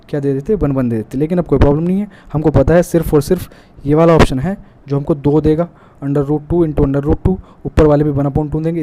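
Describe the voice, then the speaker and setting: A man with an Indian accent teaching an exam-prep math lesson, working through problems step by step and mixing in English math terms. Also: a little high. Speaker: math tutor. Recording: faint background noise.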